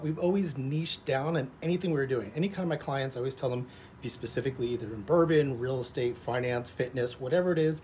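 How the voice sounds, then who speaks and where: A man's voice: a little high, a little mellow. Man chatting casually over noticeable outdoor noise. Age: forties. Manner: rambling, informal. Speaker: vlogger, social media content creator. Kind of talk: casual vlog chat to camera. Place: outdoors, in a pool. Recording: clearly noisy outdoor ambience.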